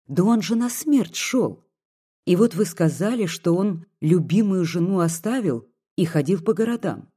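A devoted, tearful young peasant woman, voiced by an audiobook reader pleads in a soft, earnest way. The tone is dark and mellow with a husky edge. It sounds like a quiet storybook reading. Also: mid-range voice, expressive, unhurried.

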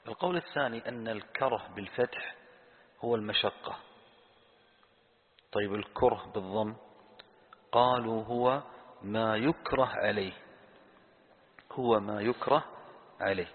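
A man teaching a lesson on Quran commentary, asking the audience questions and answering them himself, and slowly repeating key words. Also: mid-range voice. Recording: tinny phone-like sound in a reverberant hall.

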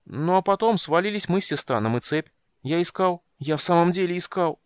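Tasslehoff, a man doing a high excitable kender. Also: brisk, clear, resonant tone, no room sound, clean studio sound. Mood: rueful. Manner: eager, breathless storytelling. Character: small curious excitable kender man, nervous.

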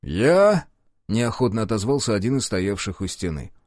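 A man narrating an audiobook in first person, in an expressive, ironic storytelling manner. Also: lowish voice, brisk, dry recording, clean studio sound.

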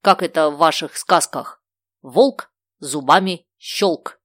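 A woman's voice: low voice, takes it slowly, a bit bright, no room sound, studio quality, exaggerated voice. Woman reading as a joking Italian-accented man. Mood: playful. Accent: slight Italian. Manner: playful, fond of jokey sayings. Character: cheerful foreign-born adult man, joking.

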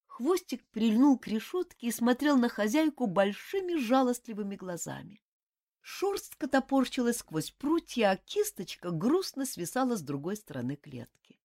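Animated woman narrating a storybook. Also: a little high. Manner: very animated, expressive reading. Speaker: audiobook narrator. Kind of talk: scripted narration of a fantasy novel.

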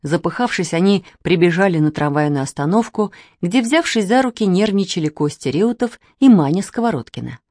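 A woman's voice: on the low side, animated, fairly quick, hardly any pauses, mellow, no echo, studio quality. Woman reading a storybook aloud. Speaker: reader. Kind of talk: storybook narration.

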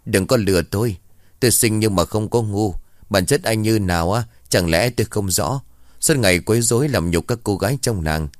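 A man voicing a sharp-tongued, defiant young village woman in a spoken story. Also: fairly low pitch, moderate pace, no room sound, studio quality, natural voice. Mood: scolding.

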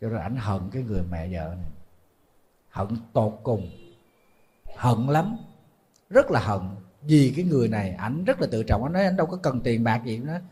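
Southern Vietnamese monk telling a story, husky. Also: male voice, medium pitch, warm tone. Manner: conversational, refers to himself as "thầy", laughs at his own slips. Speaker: Buddhist monk giving a dharma talk. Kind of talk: sermon storytelling.

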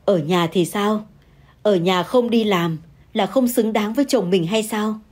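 A woman doing a calm, firm older wife. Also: medium pitch, measured pace, lightly acted. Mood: calm retort. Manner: calm, steady, scolding.

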